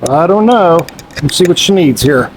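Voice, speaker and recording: A folksy mechanic jokes and drawls while he works on an engine, his voice sitting a bit high for a man. A light hum of shop noise stays under him in the garage. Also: expressive, moderate pace. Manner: joking, folksy, drawling country talk. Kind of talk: casual shop talk while working.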